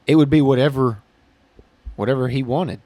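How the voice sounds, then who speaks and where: A man's voice: medium pitch, normal speed, dark tone, no room sound. A man co-hosting a casual podcast chat who explains his views in a plain, matter-of-fact way, peppered with "literally" and "like", recorded in a small building. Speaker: podcast co-host.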